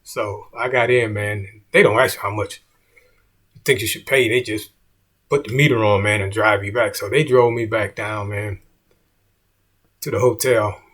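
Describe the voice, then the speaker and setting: A man's voice: on the low side, fairly even intonation, moderate pace, long pauses, fairly bright tone, slightly rough. A middle-aged man, a comedian, telling a story in a laid-back way and saying "man" often.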